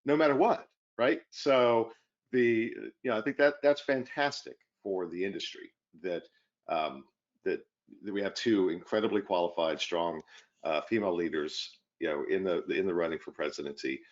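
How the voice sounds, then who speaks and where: Low-voiced male host, friendly casual interviewer, dull audio. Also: fairly even intonation, moderate pace. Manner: friendly, restarts phrases.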